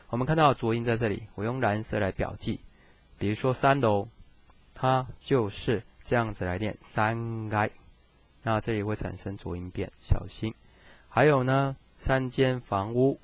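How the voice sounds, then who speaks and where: A man teaching Japanese grammar in a recorded screen lesson, chatty and reassuring as he speaks to students. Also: mid-range voice.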